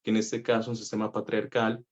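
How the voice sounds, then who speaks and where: Mexican man, voice teacher on stage, low voice, chatty with fillers, dull lo-fi audio. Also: monotone, brisk, darkish tone. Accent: Mexican Spanish. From northern Mexico (Coahuila). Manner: conversational, many fillers, laughs easily. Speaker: voice teacher giving a talk. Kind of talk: conference talk.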